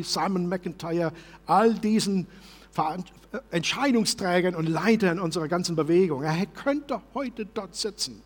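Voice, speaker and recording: A male pastor with a high, slightly husky voice preaches with passion. He swings from loud, driving lines to hushed, gentle ones. The church hall leaves a long reverb trailing behind him. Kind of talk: sermon.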